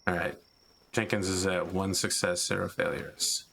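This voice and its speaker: A man acts as game master, narrating a tabletop game in a casual way. His voice sits a little low, and faint noise runs behind it. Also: flat delivery, moderate pace, creaky, bright, forceful tone.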